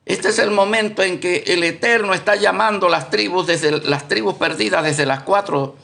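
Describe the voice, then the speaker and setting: A man giving a live-streamed Bible study. He speaks deliberately, repeats himself, corrects himself as he thinks aloud, and keeps checking in with his listeners. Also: high voice, creaky, sharp tone. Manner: deliberate, repetitive, often asks "¿Vio?".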